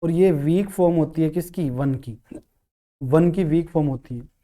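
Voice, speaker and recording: A man's voice: on the high side, mellow. Man explaining grammar with rhetorical questions. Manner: sounds out syllables slowly. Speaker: English teacher. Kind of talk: grammar lesson.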